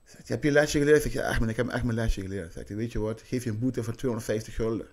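A man from Curaçao, telling anecdotes in casual podcast chat. He plays out the voices of the people in his stories, dropping into quick quoted exchanges. His voice sits at an ordinary pitch for a man. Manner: animated anecdotes, acting out quoted dialogue. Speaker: podcast guest.

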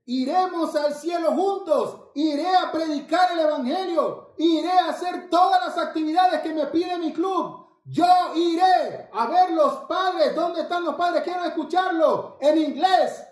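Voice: very high voice, measured pace. Carlitos, an adult doing a bubbly little boy. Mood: eager. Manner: bubbly, exclaiming, talks straight to the children. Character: cheerful little boy named Carlitos, proud young scout. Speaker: children's storyteller. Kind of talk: children's Bible story in character. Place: church. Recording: echoey church room.

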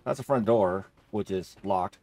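Playing through a game, a middle-aged man offers casual, rambling commentary and is easily amused. His voice is lowish and a little mellow, his pace unhurried, with no echo.

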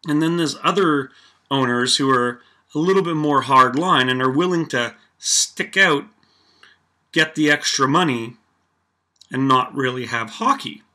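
A man's voice: medium pitch, a little slow. A man from Canada hosting a casual opinion rant, sarcastic and full of fillers like "you know" and "like". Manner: sarcastic, animated, filler-heavy. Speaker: vlog host.

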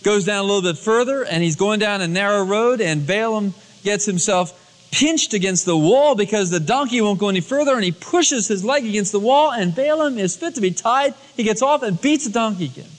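Fairly quick and expressive, this pastor's high voice carries a storytelling sermon in which he acts out dialogue using ordinary colloquial words. The recording, transferred from cassette tape, has a long hall reverb.

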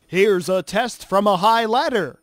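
Man doing a high-pitched, hard-selling infomercial announcer. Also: very noisy. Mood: upbeat selling. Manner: salesy, drawn-out emphatic phrase endings. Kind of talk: parody infomercial voice-over.

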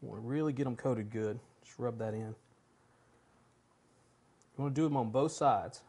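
A man in his forties hosts a home cooking show from a large kitchen, chatting casually and enthusiastically as he works. His medium-pitched voice is husky and darkish, and he speaks at a moderate pace.

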